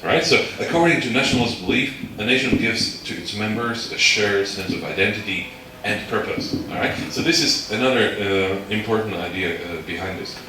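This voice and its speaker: A man's voice: on the low side, a little fast, hardly any pauses. A man from Slovakia, giving a university lecture and explaining step by step while checking in with his listeners. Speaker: guest lecturer. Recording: echoey hall, distant mic, background noise.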